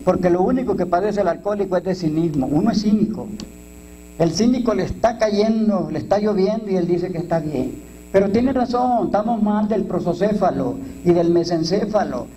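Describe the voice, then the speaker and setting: Male priest, Mexican accent, high-set dark voice, coarse, joking talk to a recovery group, faint hum. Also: animated, normal speed, low-quality recording. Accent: Mexican Spanish. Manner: blunt, coarse and joking, lots of slang and rhetorical questions. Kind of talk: informal talk to a twelve-step group.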